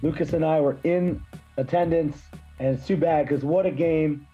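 A hoarse man who has lost his voice from yelling, hosting a casual sports podcast in a blunt, frustrated way. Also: on the high side, fairly even intonation, moderate pace, muffled recording, faint music behind.

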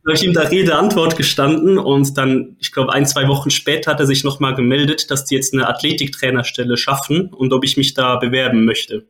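A man from Switzerland, a guest coach, answering interview questions in a relaxed way, laughing often and tagging "ne?" onto his sentences. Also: medium pitch, fairly quick, hardly any pauses. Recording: echoey room.

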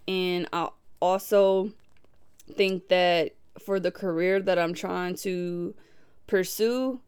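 Woman, twenties, from Milwaukee, smooth clear voice, casual podcast chat, animated. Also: medium pitch. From Milwaukee, USA. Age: 20s. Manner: animated, laughs often, playful asides. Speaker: podcast host. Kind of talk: casual reflective podcast talk.

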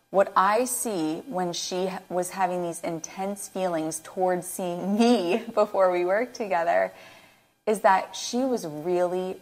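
A woman hosting as a nutrition coach, speaking earnestly and emotionally into her own microphone, close to tears. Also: fairly low pitch. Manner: earnest and emotional, nearly teary. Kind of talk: reflective interview commentary.

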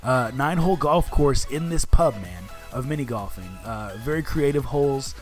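A man's voice: mid-range voice, lively intonation, normal speed, faint music behind. A man co-hosting a podcast in casual, enthusiastic chat, talking like he is with a buddy. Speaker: podcast co-host.

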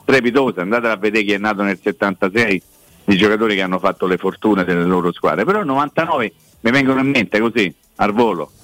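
A man's voice: lowish voice, quick pace, a bit bright, no room sound. A man hosting a football talk show, chatting casually and addressing listeners directly. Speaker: host.

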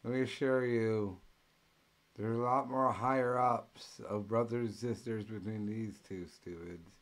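A man ranting in mocking commentary as the host, full of profanity and loud mimicking bursts. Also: on the low side, fairly even intonation, unhurried.

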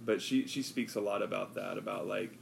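A man chatting casually on a podcast, relaxed and rambling with lots of fillers. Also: fairly low pitch, fairly quick, creaky, slight background noise, poor audio. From US West Coast. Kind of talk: casual chat.

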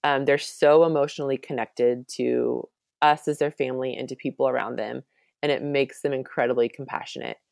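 A woman in her thirties talks as an interview guest, her voice sitting very low. She sounds earnest and reassuring, with frequent fillers. The recording is dry and close. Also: steady tone, fairly quick, vocal fry, a little mellow, no room sound. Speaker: guest, mother of children with Down syndrome. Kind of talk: conversational interview.

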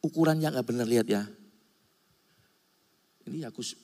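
A male pastor preaches a sermon in a church hall, his medium-pitched voice creaky and dark, at a moderate pace. He speaks emphatically, often addressing listeners as brothers and sisters, with long hall reverb on the recording.

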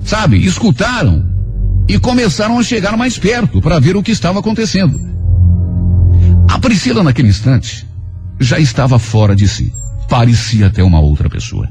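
Expressive male radio storyteller. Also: on the high side, normal speed. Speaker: radio narrator. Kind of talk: dramatic first-person story reading. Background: soft music.

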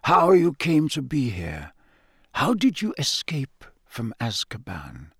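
A calm, wise old headmaster speaks gently and deliberately, as a man puts him on in an audiobook. His tone sits somewhat above the reader's own, lifted and patient, in a close and dry recording. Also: high voice, no room sound, voice pushed up, exaggerated voice. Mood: gentle. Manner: measured, explanatory, soft-spoken. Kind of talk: audiobook character voice.

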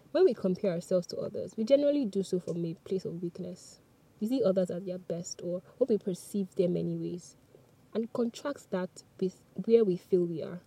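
With a warm, fairly low voice tinged with breathiness, this woman, a native Yoruba speaker, talks straight to her podcast audience. The motivational piece is scripted, and she delivers it earnestly and conversationally.

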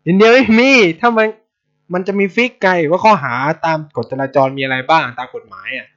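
A man's voice: high-pitched, brisk. A man from Thailand, a podcast host telling stories in blunt, casual chat full of swearing. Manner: blunt, swears a lot, animated. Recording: dull lo-fi sound.

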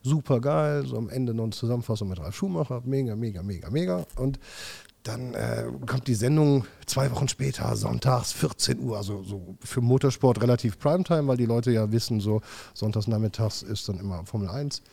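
A man's voice: mid-range voice, brisk, creaky. A middle-aged man, a podcast co-host, telling stories in a casual chat and acting out quotes. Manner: lively storytelling, acts out quotes, swears. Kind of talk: casual beer-fuelled chat.

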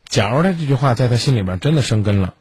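A stern male radio advice host with a very husky, rough voice that swings widely up and down in pitch. He lectures a caller with pointed questions. The sound is dry and close, with no room echo. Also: animated, fast talker, darkish tone. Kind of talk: call-in advice talk.

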